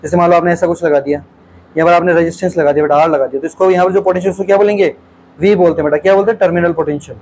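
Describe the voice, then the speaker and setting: तेज़ बोलने वाले ऊँची आवाज़ के शिक्षक. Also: male voice, a little high, fairly even intonation, racing, a little mellow, slight background noise, poor audio. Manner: calls students "beta", asks and repeats answers. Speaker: teacher. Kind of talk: exam solution lecture.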